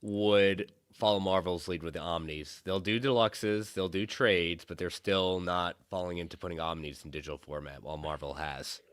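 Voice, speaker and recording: Nasal man with a cold, low-pitched. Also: steady tone, normal speed, hardly any pauses, fairly bright tone, no room sound, studio quality. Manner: enthusiastic, repeats words when starting. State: has a cold. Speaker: co-host. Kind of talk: casual livestream chat.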